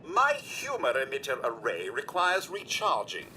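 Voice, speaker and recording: A man's voice: mid-range voice, huge pitch swings, normal speed, sharp tone, a little hiss or hum, exaggerated voice. An actor voicing a polite male robot butler in a video game, formal and courteous with a dry wit. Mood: wry. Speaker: household robot companion. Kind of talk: video game character dialogue.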